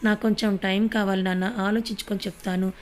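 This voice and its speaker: A woman voicing Amrutha, a cheerful, affectionate young office worker, in an audio story, talking in a lively, pleading way. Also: medium pitch, fast talker, a little hiss or hum, natural voice.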